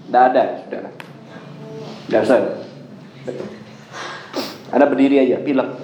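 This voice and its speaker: A man giving a lively religious lecture, telling everyday stories and acting out quoted voices. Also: on the high side, slight background noise. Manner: animated storytelling, acts out quoted voices. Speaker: preacher. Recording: echoey hall with faint ambience.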